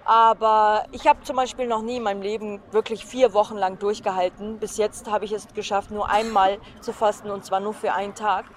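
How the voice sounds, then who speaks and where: A woman's voice: medium pitch, little pitch movement, fairly quick, few pauses, slight background noise. A woman in her twenties from China, a student talking casually and informally about her own experience. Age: 20s. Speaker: student video diarist. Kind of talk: casual personal account.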